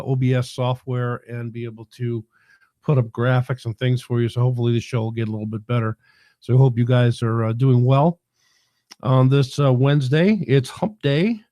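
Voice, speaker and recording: A mellow, medium-pitched man from New York hosts a casual livestream from his home in the South, rambling in a folksy way with many fillers. He's at the tail end of a head cold, and the sound is clean studio audio with no echo.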